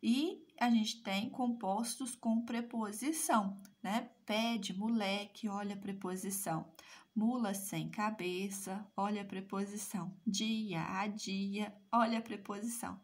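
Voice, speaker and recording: A woman's voice: mid-range voice, steady tone, measured pace. A woman teaching a recorded language class, explaining step by step and checking in with "right?" after each point. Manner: explanatory, asks "certo?" and "né?" again and again. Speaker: Portuguese teacher.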